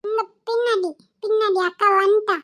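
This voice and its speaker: A woman's voice: very high-pitched, steady tone, moderate pace, a bit bright, voice pushed up. A woman voicing a small hungry boy in a cartoon who whines and pleads like a young child. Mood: whiny.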